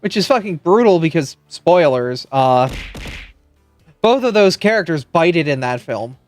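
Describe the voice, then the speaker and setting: A man's voice: fairly high pitch, expressive, measured pace, soft background music. A man chatting casually while streaming a game, swearing freely and restarting his sentences. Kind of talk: casual gameplay chat.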